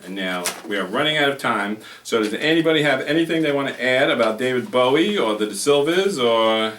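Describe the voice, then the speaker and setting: Bright-voiced rambling joker hosting from an echoey room. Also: male voice, medium pitch, lively intonation, brisk, recorded from a distance. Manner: rambling, jokey, laughs at own jokes. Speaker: talk show host. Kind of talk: loose comedic talk show banter. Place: room in a private house. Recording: echoey room, voice off-mic, faint noise.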